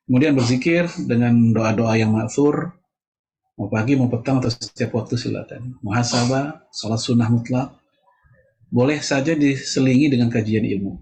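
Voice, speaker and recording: A middle-aged man giving a casual religious lecture, conversational, with joking asides and frequent filler words. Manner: lively pitch jumps for emphasis. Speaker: Islamic preacher.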